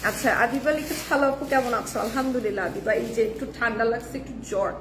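Hoarse, high-voiced woman host selling sarees. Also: very fast, echoey room, recorded from a distance, noisy background. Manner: chatty, reads viewer comments, mixes in English. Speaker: live-sale host. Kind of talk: live-stream saree selling.

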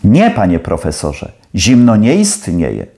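A man playing a calm, firm young male student who answers politely and steadily. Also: fairly low pitch, unhurried, gravelly, roomy sound, exaggerated voice.

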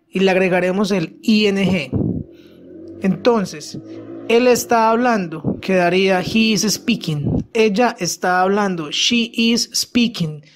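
An English teacher giving a methodical, step-by-step grammar lesson in Spanish, slowing down to pronounce each English example carefully. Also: mid-range voice.

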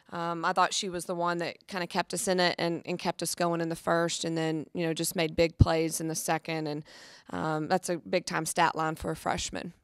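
A woman coach in her thirties speaks into a table mic at a press conference. Her voice sits low and stays level, her answers earnest and full of restarts. The room sound is dry and close. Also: dry recording. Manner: earnest, many restarts and fillers. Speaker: head basketball coach. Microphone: table mic on stand.

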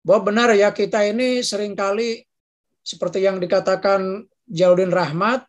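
A lecturer speaking in an easygoing, conversational way to the room. The speaker keeps checking in with tag questions and often breaks off to search for a word. The voice sits in a middle pitch. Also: steady tone, normal speed. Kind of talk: informal lecture discussion.

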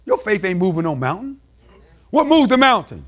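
A male pastor preaching a call-and-response sermon, shouting and slipping into a sing-song cadence. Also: high voice, big pitch swings, normal speed.

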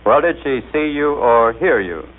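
A man at a middling pitch, jovial and explanatory, leading a scripted radio demonstration. His voice is squeezed into a thin, phone-like band, as on a 1939 broadcast recording. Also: animated, moderate pace. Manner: jovial, explanatory, coaxing the machine.

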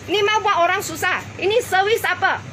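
A woman's voice: very high-pitched, fairly quick, noisy background. An older woman, a customer confronting store staff as she films on her phone, repeating pointed questions. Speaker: customer filming a complaint. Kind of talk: heated confrontation. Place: small convenience store, indoors.

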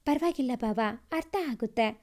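A woman's voice: sits high, normal speed, warm tone, lightly acted. A woman voicing an eager, affectionate young male student in a story reading.

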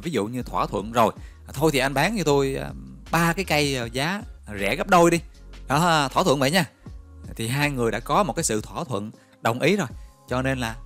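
Man teaching vocabulary. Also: medium pitch. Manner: lively, storytelling, coaxing with questions. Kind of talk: recorded vocabulary lesson with memory stories.

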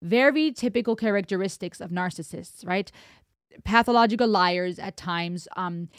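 Her medium-pitched voice moves at a moderate pace, studio quality with no room sound. As a thoughtful music reaction host from Germany whose first language is German, she analyzes songs emphatically and explains with hand gestures, working from a small indoor home studio with headphones and a close broadcast mic on a boom arm.

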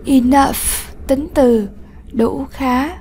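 High-voiced woman teaching slowly. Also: dark tone, a little hiss or hum. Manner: slow, clear, patient explaining. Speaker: English teacher. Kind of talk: classroom lesson narration.

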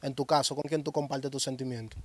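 A man interviewing a guest, gently probing with follow-up questions. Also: mid-range voice, level tone, fast talker.

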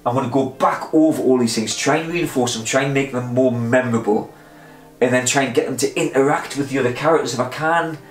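A man's voice: mid-range voice, brisk, faint music behind. Chatty, rambling man in an echoey room. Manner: chatty, meandering, self-interrupting with fillers. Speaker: vlogger. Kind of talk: casual rambling talk to camera.

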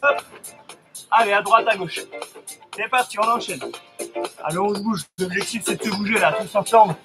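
A middle-aged man coaching a cardio workout with energetic, urging short commands while exerting himself. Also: high-pitched, moderate pace. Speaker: fitness coach leading a workout. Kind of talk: live home cardio workout instruction. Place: outdoors in front of a house. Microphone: camera a few metres away. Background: workout music.

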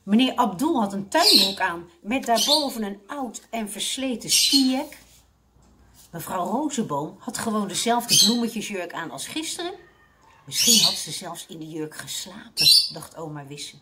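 A woman working as a library reading consultant, reading a children's book aloud with expressive storytelling. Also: on the high side, very noisy.

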